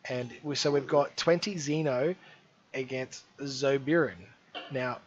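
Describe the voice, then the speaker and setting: Slightly hoarse male esports caster. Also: mid-range voice, steady tone, measured pace, dull audio. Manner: chatty, apologetic asides. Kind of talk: live game commentary.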